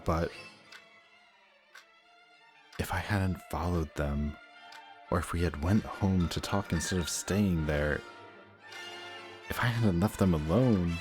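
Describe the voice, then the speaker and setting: In an emotional audio roleplay, a man plays a possessive, anxious antihero villain, muttering in a halting, intense way. His voice rumbles low, and music plays behind it.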